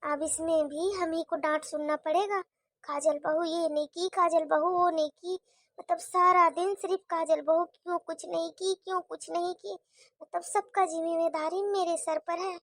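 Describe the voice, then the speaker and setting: A woman's voice: extremely high pitch, fairly even intonation, normal speed, no room sound, studio quality. A woman voicing a tired young wife and mother who pleads and defends herself in a cartoon story. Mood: grumbling. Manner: pleading, defensive, soft complaining. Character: weary put-upon young wife with children.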